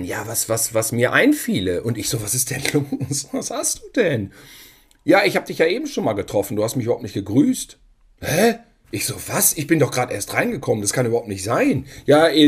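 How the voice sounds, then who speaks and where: A man's voice: medium pitch, huge pitch swings, brisk, husky. A man from Germany chatting as a podcast co-host, telling rambling self-mocking anecdotes with hesitant fillers. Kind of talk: casual chat.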